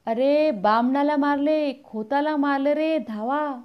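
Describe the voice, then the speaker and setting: A woman's voice: high voice, animated, slow pace, highs cut off. A woman reading the lines of an anxious, caring old village woman in a storybook. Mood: alarmed shout.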